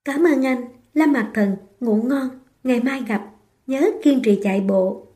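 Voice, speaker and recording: A woman voicing a gentle young woman, tipsy and tender, speaking softly. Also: a little high, unhurried, close to an everyday voice.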